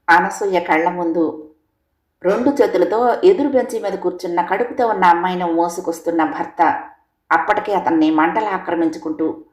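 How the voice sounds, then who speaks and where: A woman storyteller reading a story aloud in a steady, measured way. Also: on the low side. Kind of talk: scripted story narration. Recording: echoey room.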